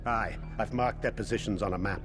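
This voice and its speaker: A man's voice: fairly low pitch, a little fast, music in the background, natural voice. A man playing a grim, dutiful scout giving a report in a video game. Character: grim, dutiful male scout reporting to his brother-in-arms. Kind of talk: video game character acting.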